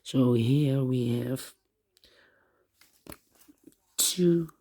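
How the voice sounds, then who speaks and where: A man who has partly lost his voice, walking through a puzzle step by step in halting, repetitive short phrases. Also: mid-range voice, warm tone. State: lost voice, strained and troubled. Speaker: puzzle tutorial host. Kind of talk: step-by-step puzzle walkthrough, thinking aloud.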